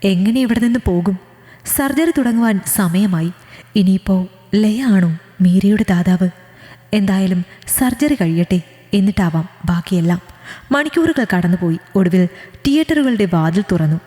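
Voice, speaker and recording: A woman narrating a scripted story in a soft, earnest way. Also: medium pitch, animated, normal speed, long pauses. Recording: echoey room with long reverb.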